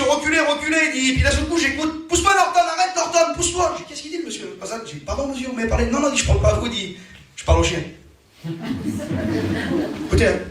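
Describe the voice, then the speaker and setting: A man with a high voice delivers a storytelling sermon, his pitch swinging up and down as he goes. He sounds distant from the microphone, and a strong echo from the hall surrounds every word. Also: a little hiss or hum. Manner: animated storytelling, voice rising and falling. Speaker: preacher. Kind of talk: testimony sermon. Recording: very echoey room, from far off.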